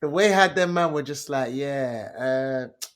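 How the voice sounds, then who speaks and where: Excitable man, slightly high voice. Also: a little fast. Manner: excitable, slangy. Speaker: podcast co-host. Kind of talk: casual chat.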